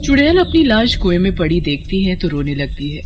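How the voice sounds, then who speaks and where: Woman narrating a cartoon with a lively pitch. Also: fairly quick, dull audio, noisy background. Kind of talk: scripted storybook narration.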